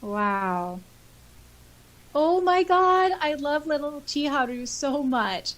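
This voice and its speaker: With a high, expressive, fairly bright voice and a slow delivery, a female podcast co-host reads out listener comments and reacts to them casually. She gushes with enthusiasm about those comments and her favorite stories.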